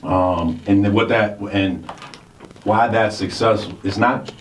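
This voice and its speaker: A man's voice: on the low side, fairly even intonation, slow pace. A man in his forties co-hosting a radio talk show, talking in a laid-back, casual way. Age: 40s. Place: radio studio. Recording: roomy studio sound, mic at a distance, faint hiss.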